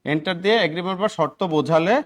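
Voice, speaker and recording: A man with a Bangladeshi Bengali accent leads an exam-prep English lesson, with a high, bright-sounding voice. He drills his students and checks in with them again and again, repeating key words so they stick. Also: rapid-fire. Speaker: English teacher. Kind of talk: classroom lecture.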